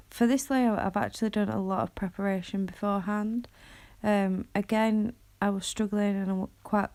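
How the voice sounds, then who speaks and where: A young British woman with a croaky voice, narrating her craft video in a casual, hesitant way full of ums. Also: medium pitch, warm tone, no room sound. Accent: British English. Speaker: craft vlogger.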